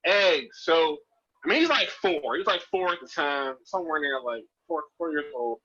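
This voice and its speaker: Bright-voiced man in casual chat. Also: fairly high pitch, animated, normal speed, breathy edge, dull audio. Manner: laughing storyteller.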